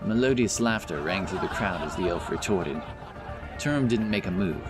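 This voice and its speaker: A man narrates a scripted fantasy audiobook in a low, animated voice at a normal pace. Crowd noise can be heard along with the background music and effects.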